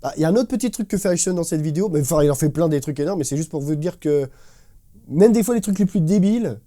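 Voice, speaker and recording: In a drum studio with drum music playing behind him, a man with a fairly high, dark-toned, expressive voice speaks fast while giving a casual drum lesson. He's enthusiastic and slangy, mimicking drum fills with spoken syllables.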